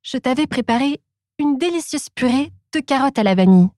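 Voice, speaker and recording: Lady doing a sly little rabbit from a kids' story, higher voice, talks you into things. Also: lively intonation, a little fast, dark tone, dry recording, studio quality. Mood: persuasive. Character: small clever rabbit, quick-witted trickster. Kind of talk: children's storybook reading.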